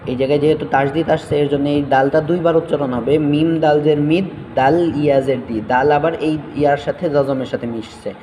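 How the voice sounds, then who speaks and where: A man teaching Quran recitation, spelling out letters syllable by syllable and chanting verses slowly between quick explanations. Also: fairly high pitch, fairly even intonation, dark tone, long reverb tail, a little hiss or hum, low-quality recording.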